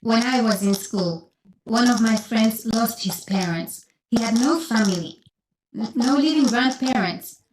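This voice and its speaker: A woman's voice: a little high, measured pace, noisy background, close to an everyday voice. An actress playing an interviewed female orphanage founder in a scripted course-audio recording, reading her answers evenly and carefully. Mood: calm.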